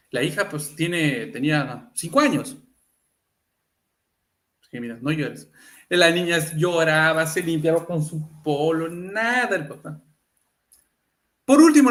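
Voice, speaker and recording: Speaking at a fairly high pitch with a fairly bright tone, the host chats casually on a live stream. Rhetorical questions to his audience come up again and again, and he plays out quoted people.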